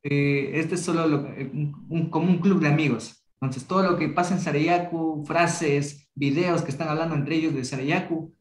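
Young man, casual halting teacher on a video call, slightly high, roomy sound. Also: steady tone. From Ecuadorian Amazon. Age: young adult. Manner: casual, halting, with many restarts. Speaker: Kichwa workshop teacher. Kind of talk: online class discussion.

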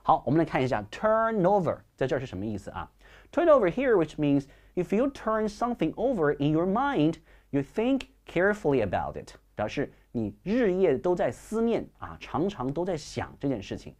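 A male English teacher whose voice rises and falls in a very animated way. He switches between Chinese and English, slows down to read each English sentence word by word, and encourages the class warmly. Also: on the high side. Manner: lively, encouraging teacher, reads English slowly and carefully. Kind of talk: bilingual classroom lecture.

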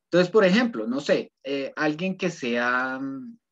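A man teaching an ethics class online, talking loosely and checking in with "¿sí?" after his points. His mid-pitched voice comes through a computer mic on a video call. The audio is dull and lo-fi. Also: expressive, a little slow. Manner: conversational, asks "¿sí?" often, rephrases.

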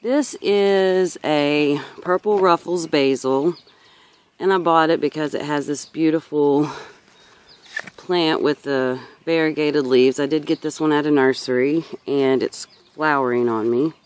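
A woman in her thirties, a gardener, gives a casual, rambling vlog-style tour outdoors, filmed on a handheld camera or phone. Her voice is low-pitched and unhurried.

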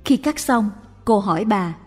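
A woman slowly and calmly reading a Buddhist story aloud. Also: medium pitch. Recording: reverberant with faint music.

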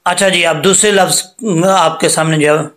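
A middle-aged man teaching Quran recitation, patiently explaining tajweed pronunciation step by step and often pausing to check in with his listeners. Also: a little high, steady tone, fairly bright tone. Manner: repeats and corrects points as he goes.

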